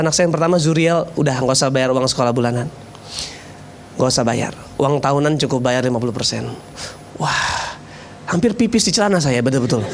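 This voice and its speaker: A man in his thirties, a pastor preaching in a sermon, telling a personal story with jokes, swinging between loud bursts and low confiding tones. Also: a little hiss or hum. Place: church online service.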